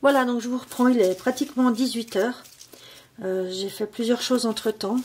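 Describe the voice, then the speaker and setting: A woman's voice: a little high, steady tone, normal speed, over loud music. A woman chatting casually at home while showing a craft, hesitant and full of fillers and restarts. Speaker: crafting vlogger. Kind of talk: casual vlog chat, crafting tutorial.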